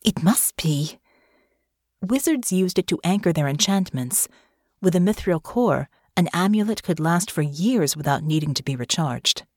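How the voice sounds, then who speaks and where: Woman narrating with a lively low voice. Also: normal speed, dry recording, studio quality. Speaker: audiobook narrator. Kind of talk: scripted narration.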